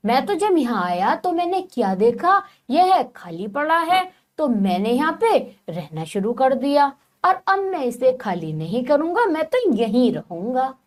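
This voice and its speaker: A woman's voice: high voice, very animated, a little slow, few pauses. A woman voicing a stubborn male rabbit who defiantly refuses to leave a nest, read out as a storybook lesson.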